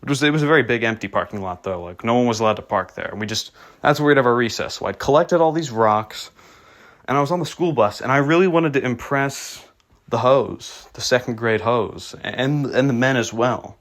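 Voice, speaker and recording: A man's voice: mid-range voice, a little fast, a bit bright. Nasal young man rambling through stories. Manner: rambling, self-mocking, many restarts and fillers. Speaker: vlogger. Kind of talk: casual storytelling rant.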